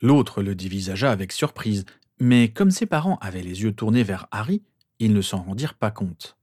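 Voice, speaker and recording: Male narrator, low voice, very animated storybook reading. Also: moderate pace, dry recording, studio quality.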